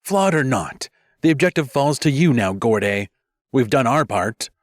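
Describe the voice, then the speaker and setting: A man voicing a female mage who speaks calmly with a teasing edge. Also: medium pitch, unhurried, no room sound, clean studio sound, voice pushed up, lightly acted. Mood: edged teasing. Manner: calm but edged, drily teasing. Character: sharp-eared older female mage, calm but edged.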